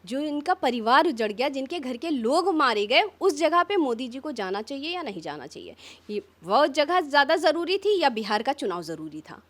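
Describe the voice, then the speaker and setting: A high-pitched woman speaks with fire in a press interview. She piles up rhetorical questions, sharp and insistent, like a politician making her case. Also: sing-song. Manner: fiery, rapid rhetorical questions. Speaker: opposition politician.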